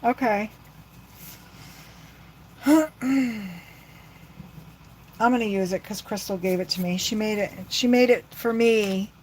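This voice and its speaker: A woman's voice: mid-range voice, slow pace, pauses often, a little mellow, slight background noise, poor audio. A middle-aged woman rambling chattily to her viewers while she works on a crafting livestream. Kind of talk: casual crafting livestream chat.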